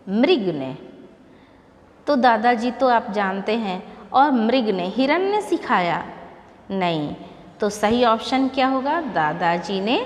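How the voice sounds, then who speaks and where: A woman teaching a lesson to young students, speaking slowly and patiently and repeating each word aloud for them to echo. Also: medium pitch, slight background noise.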